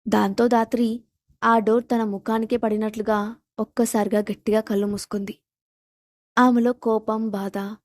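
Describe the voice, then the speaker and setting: A woman narrating a scripted audio story in a steady, dramatic reading style. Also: mid-range voice, no room sound.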